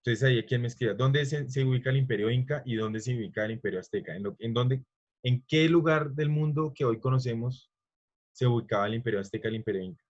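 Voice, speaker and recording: A man's voice: mid-range voice, quick pace, muffled recording. A man teaching an online history class, rambling and stopping to quiz his students.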